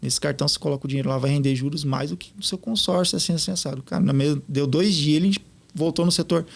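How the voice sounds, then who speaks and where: A man talks quickly in a casual podcast interview, his voice a little high and gravelly. He tells his stories with animation and acts out the people in them. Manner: animated, quotes others in lively retellings. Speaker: podcast guest.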